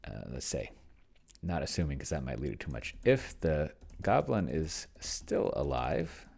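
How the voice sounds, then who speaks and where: A solo tabletop roleplayer and video host with a bass voice speaks at a measured pace with big pitch swings, vocal fry, a darkish tone, and a breathy edge. He thinks aloud in casual commentary on his roleplaying game, often muttering, trailing off, and drawing words out while typing, with keyboard sounds in the background.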